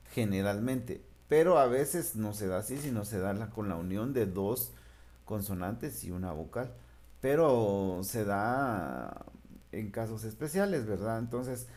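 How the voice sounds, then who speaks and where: Man teaching, slow patient syllables. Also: medium pitch, a little mellow. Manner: patient, explaining step by step, drawn-out syllables. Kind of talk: remote class lesson.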